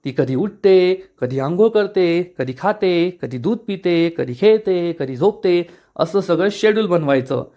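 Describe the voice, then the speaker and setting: Peevish, curt young male CEO, played by a high-voiced narrator. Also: lively intonation, a little slow, mellow, highs cut off. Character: stiff, irritable young male company boss.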